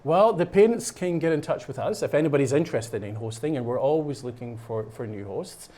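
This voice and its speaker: Lively in intonation and warm in tone, a man's mid-range voice moves a little fast as he chats casually on a local show. He's from Scotland, speaks with a Scottish accent, and rambles through an explanation of a program, full of fillers and restarts, while painting in the studio.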